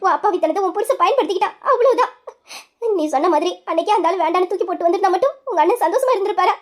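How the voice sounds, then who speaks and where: A high young voice playing a widowed sister-in-law who consoles a younger woman in a soothing, motherly way. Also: expressive, rapid-fire, faint music behind. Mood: consoling.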